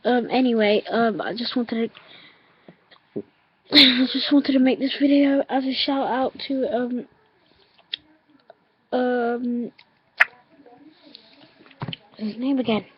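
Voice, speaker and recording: A woman vlogging casually with hiccups, halting and giggly, full of fillers. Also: fairly high pitch, steady tone, lo-fi sound, slight background noise. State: has hiccups. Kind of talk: casual vlog chat.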